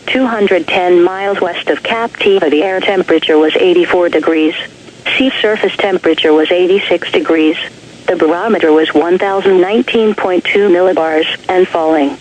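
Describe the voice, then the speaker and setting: A synthetic woman's voice reading scripted weather observations in a formal, impersonal manner. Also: fairly low pitch. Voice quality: synthetic text-to-speech voice. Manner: formal, impersonal listing of figures. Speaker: automated weather radio announcer. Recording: noisy weather radio broadcast.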